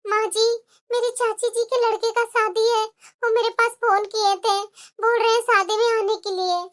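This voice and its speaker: A woman's voice: very high-pitched, little pitch movement, normal speed, fairly bright tone. A woman voicing a pleading young cartoon daughter-in-law. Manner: pleading, complaining. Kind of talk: cartoon voice acting.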